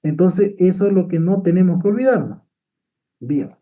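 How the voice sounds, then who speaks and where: A man's voice: sits high, lively intonation, moderate pace. A man teaches a medical class, walking through a slide point by point. He checks in with frequent tag questions and fillers as he explains. The audio sounds slightly dull, as if through a modest mic. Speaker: medical lecturer. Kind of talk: lecture with slides.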